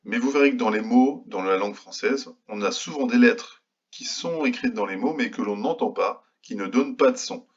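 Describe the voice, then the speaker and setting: Teaching phonics remotely to small children, this man sounds out every letter with slow patience. He's a kindergarten teacher with a fairly low voice and a breathy edge, captured on a muffled recording.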